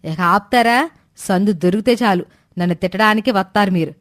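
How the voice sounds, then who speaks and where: A woman voicing a shrewish middle-aged mother-in-law who nags and mocks in a sharp, sarcastic way, in a storybook. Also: mid-range voice, brisk, dry recording, studio quality, close to an everyday voice. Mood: scolding. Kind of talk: storybook voice acting.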